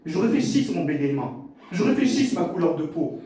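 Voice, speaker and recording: A man delivers a sermon with a lively, swinging pitch and a voice a touch higher than usual. He repeats himself for effect and stammers at times. He is heard from a distance in a strongly echoing hall with faint noise behind him. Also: fairly quick. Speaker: pastor.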